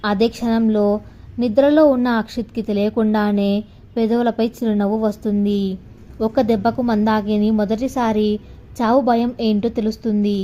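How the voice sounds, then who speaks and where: Woman telling a story, fairly high voice. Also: moderate pace. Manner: steady, descriptive narration. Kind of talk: scripted story narration.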